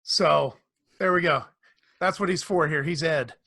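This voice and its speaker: A man hosting a casual online panel discussion, animated and quick to laugh, acting out quotes in playful voices. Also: a little high, creaky, breathy edge, no room sound. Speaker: panel host.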